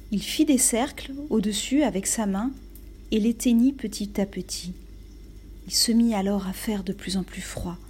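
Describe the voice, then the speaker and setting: A woman narrating a fairy tale in a calm storyteller delivery, dropping into hushed whispers at times. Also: mid-range voice, slightly rough.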